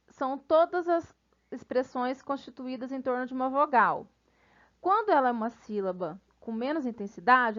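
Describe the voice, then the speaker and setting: A woman teacher with a Brazilian Portuguese accent giving a recorded grammar lesson, friendly with her students and spelling out syllables slowly. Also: sits high, a bit bright, lo-fi sound. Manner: friendly, addresses students casually.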